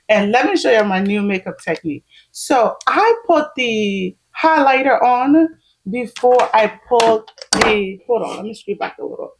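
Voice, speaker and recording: A woman's voice: fairly high pitch, slight background noise, low-quality recording. A woman, chatting casually at home while doing her makeup, laughing often as she explains each step. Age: 30s. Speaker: vlogger.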